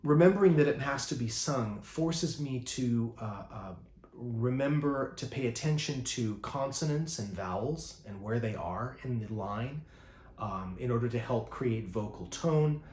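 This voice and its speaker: A man, a poet, giving an informal spoken lesson on writing verse. He talks in a thoughtful way, savors words he likes, and fills pauses with frequent ums and uhs. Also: mid-range voice, darkish tone, roomy sound. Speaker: poet teaching a master class.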